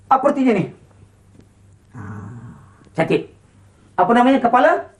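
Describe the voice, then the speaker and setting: A Quran recitation teacher with a Malaysian Malay accent, chanting slow model verses and then quickly explaining and quizzing pupils. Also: medium pitch, huge pitch swings. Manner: quizzing pupils with short questions. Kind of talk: classroom lesson with call-and-response.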